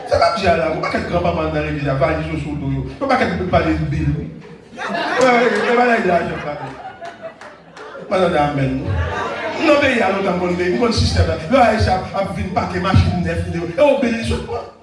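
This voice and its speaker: Fervent shouting preacher man. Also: sits high, lively intonation, fairly quick. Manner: fervent, often shouting, calls amen to the congregation. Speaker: evangelist preacher. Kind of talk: sermon. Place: church hall. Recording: echoey church hall, far mic, music and crowd behind.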